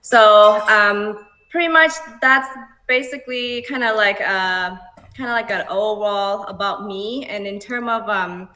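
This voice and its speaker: A woman's voice: medium pitch, unhurried, sharp tone. A middle-aged woman born in Cambodia, a guest speaker chatting casually over a video call, with many fillers and easy laughs. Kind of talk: casual online talk.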